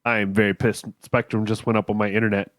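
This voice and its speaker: A man's voice: fairly low pitch, little pitch movement, fast talker, fairly bright tone, no echo, studio quality. A man co-hosting a whiskey podcast with a cough and stuffy nose, chatting and telling rambling jokes. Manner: joking, rambling storyteller. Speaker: podcast co-host. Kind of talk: casual chat and whiskey review.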